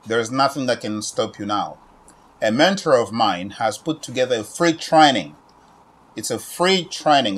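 A man in his forties from the Democratic Republic of Congo, standing in his own shop and pitching an online training straight to the camera, repeating himself and tagging lines with "okay?". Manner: repetitive, urging, with frequent "okay?" tag questions. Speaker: business owner promoting online training. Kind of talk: direct-to-camera sales pitch. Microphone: camera at medium distance, standing.

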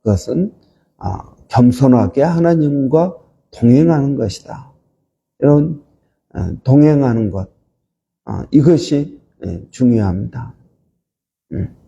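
A man pastor leading an early-morning prayer sermon, slow and halting with many fillers. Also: medium pitch, animated, vocal fry, mellow, slightly rough, big-room sound, lo-fi sound.

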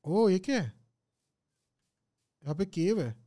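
Playing a game live, a young man talks casually, musing aloud and answering comments from viewers while mixing in English phrases. He takes it slowly in a high, sing-song voice with a dark tone.

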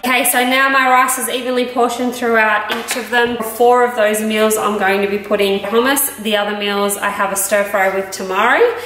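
A health vlogger in her thirties with an Australian accent and a mid-range, fairly bright voice casually explains a cooking routine to camera in her home kitchen. The kitchen is echoey, with background noise.

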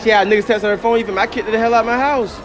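A man's voice: sits high, steady tone, rapid-fire, background noise. A teenage boy answering interview questions at school with brash, slangy bravado. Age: teens. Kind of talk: casual chat.

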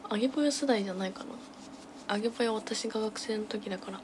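A woman's voice: mid-range voice, fast, a little mellow. Young woman muttering on a noisy livestream. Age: young adult. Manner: absent-minded muttering in short fragments to herself and viewers. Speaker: live streamer. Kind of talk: casual livestream chat while doing makeup. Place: small room at home, indoors. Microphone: phone at arm's length. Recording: clearly noisy home phone recording.

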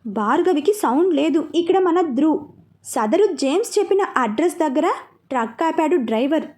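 High-voiced woman narrating a story. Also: expressive, moderate pace, a little mellow. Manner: reads a serialized romance, shifting pitch for characters' lines. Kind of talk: scripted story narration with acted dialogue.

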